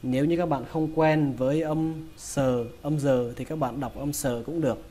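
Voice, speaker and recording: A man with a Vietnamese accent runs a slow pronunciation lesson, splitting English words into their sounds and saying each one again and again. His voice sits a little high, with a mellow, soft tone. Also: fairly even intonation. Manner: repeats each word slowly, breaking it into sounds.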